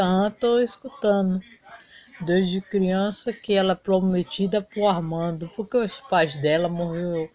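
A woman voicing a kindly, fatherly older man, the wealthy head of the house, talking calmly. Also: lowish voice, muffled recording, natural voice. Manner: calm, fatherly, reassuring.

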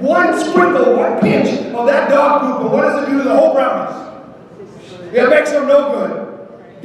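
A man, a pastor from the United States, giving a lively storytelling talk to an audience, repeating words and quizzing his listeners. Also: very high voice. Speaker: pastor giving a ministry presentation. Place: large echoey hall. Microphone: distant from the microphone. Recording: echoey hall from far off.

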